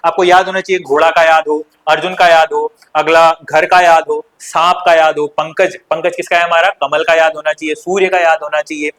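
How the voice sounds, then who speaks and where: Young male tutor, high and bright, runs exam-prep questions aloud and answers them himself. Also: level tone, brisk, hardly any pauses. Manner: addresses students as children, asks and answers his own questions. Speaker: teacher. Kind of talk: exam-prep Hindi lesson.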